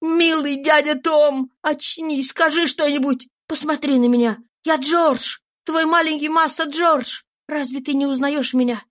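A woman's voice: high-pitched, measured pace, hardly any pauses, voice pushed up. A woman voicing an earnest young man who pleads passionately in an audiobook reading. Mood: pleading, impassioned. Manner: pleading and impassioned.

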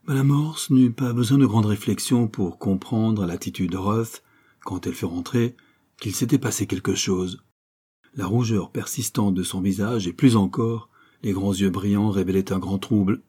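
A man reads a novel aloud in a measured, even narration. His voice is fairly low, dark and mellow in tone, with a husky texture. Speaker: audiobook narrator. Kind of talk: scripted narration.

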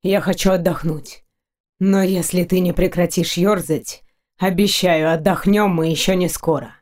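A woman voicing a brooding young male dark knight in an audiobook, hoarse and growling, speaking low and breathy. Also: fairly even intonation, a little slow, lightly acted. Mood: teasing, hoarse. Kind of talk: audiobook character voice.

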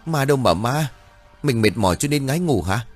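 A man's voice: mid-range voice, animated, brisk, breathy edge, faint music behind, voice pushed up. A man voicing a bossy, scolding landlord's wife in an audiobook ghost story, giving orders to servants. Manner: commanding, scolding.

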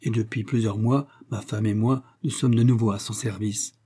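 A man's voice: fairly low pitch, fairly even intonation, normal speed, dark tone, slightly rough. A man reading the part of a cheerful young male servant, eager and exclamatory.

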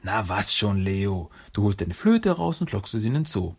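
A man's voice: fairly low pitch, sing-song, moderate pace, slightly rough, exaggerated voice. A man voicing an eager, joking young male mutant turtle in a storybook reading.

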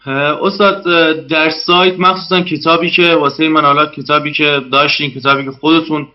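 A man's voice: on the high side, steady tone, dull audio. A man, a guest in a casual interview, talking politely about learning a language with many hesitant fillers.

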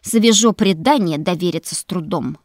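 A woman's voice: medium pitch, animated, moderate pace, no room sound, clean studio sound, close to an everyday voice. A woman voicing a grumpy, strict female faculty keeper who scolds and scoffs. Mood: scolding. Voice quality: scolding, sharp and sceptical. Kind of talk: audiobook character voice.

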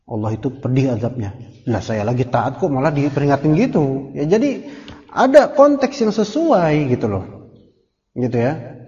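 Brief: male religious teacher, relaxed and joking, dark mellow tone, dull lo-fi hall recording. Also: a little high, normal speed, long pauses. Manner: joking, conversational, mixes Arabic terms. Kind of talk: casual religious study lecture.

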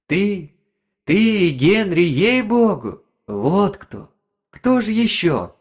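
A man's voice: high-pitched, big pitch swings, slow pace, creaky, voice pushed up, heavily acted. A man voicing a sly, insinuating talking device that whispers neighbourhood gossip in a story reading. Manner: insinuating, snickering.

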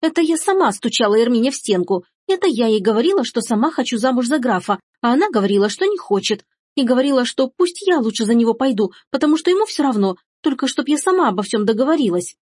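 A woman voicing a spoiled, scheming young noblewoman who talks in a shrill, whining voice. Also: big pitch swings, fast talker, a little mellow, slightly rough, no room sound, clean studio sound. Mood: sulky.

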